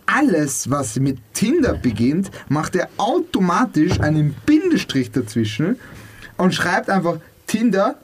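A man's voice: high voice, very animated, unhurried, slightly rough. A man, a guest on a podcast, chatting casually, rambling, teasing and laughing a lot. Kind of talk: casual chat.

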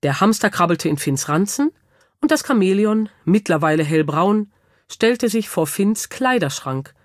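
Lebhafte Vorleserin eines Kinderbuchs. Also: female voice, mid-range voice, unhurried, dry recording, clean studio sound. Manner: lively, expressive storytelling. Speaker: narrator. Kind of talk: children's audiobook narration.

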